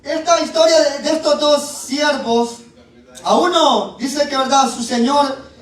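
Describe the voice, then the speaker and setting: A male preacher giving a sermon with Bible reading, dropping in "¿verdad?" and "eh" and drawing out key words slowly. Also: very high-pitched. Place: church. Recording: very echoey, voice far from the mic.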